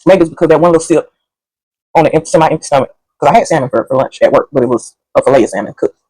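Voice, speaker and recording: A woman chats through a food review at home, quick and sassy, rambling from one thought to the next and talking between bites. Her voice is recorded close and dry, with no room sound. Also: low voice, dark tone, no echo, rough recording. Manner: sassy, rambling, talks while chewing. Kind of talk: casual chatty food review.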